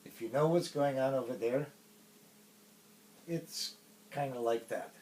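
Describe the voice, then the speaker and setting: A middle-aged man from Poland with a Polish accent, a native Polish speaker, recalling his past in a casual interview in a halting way with many pauses. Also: medium pitch, darkish tone, distant mic, rough recording. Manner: halting, pausing often mid-phrase.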